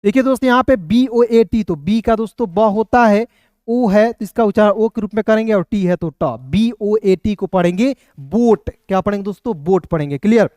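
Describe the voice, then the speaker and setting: A man with a high-sitting, mellow voice teaches English pronunciation in an online video, recorded at studio quality with no room sound. He addresses viewers as friends, slowly spelling words letter by letter and repeating each one.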